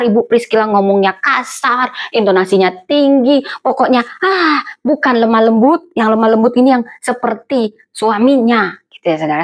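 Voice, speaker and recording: A woman pastor preaching a Sunday sermon in a church service, lively and emphatic, often asking the congregation questions. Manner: lively preaching with rhetorical questions, addresses listeners as brothers and sisters; emphatic, swings pitch up on key words.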